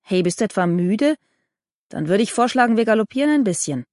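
A woman's voice: medium pitch, lively intonation, fairly quick, a little mellow, no room sound, clean studio sound, natural voice. A woman voicing an impatient teenage girl rider who teases her friends. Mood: impatient, teasing.

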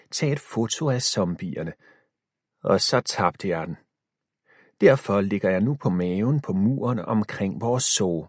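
A man narrating a children's story in the first person, expressive and shifting pace with the tension. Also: fairly low pitch, breathy edge, no echo, studio quality. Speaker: audiobook narrator.

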